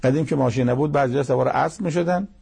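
A man's voice: medium pitch, creaky, a little mellow, slightly rough. A man giving a religious lecture, explaining with everyday examples and quoting Arabic verses.

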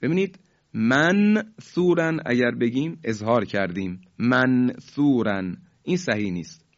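Man teaching slow, drawn-out recitation. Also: mid-range voice, lively intonation, dull audio. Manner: polite and instructive, slowly drawing out example words for students to repeat. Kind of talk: recorded tajweed lesson.

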